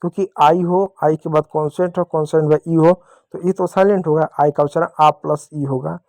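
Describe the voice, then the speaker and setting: A man with a fairly high voice gives a children's reading lesson, sounding out each word letter by letter. His delivery is patient and repetitive, and the recording is dry and close, with no room sound. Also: steady tone, a little fast, darkish tone, no room sound. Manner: patient, spells words letter by letter; repeatedly addresses the children. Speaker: teacher.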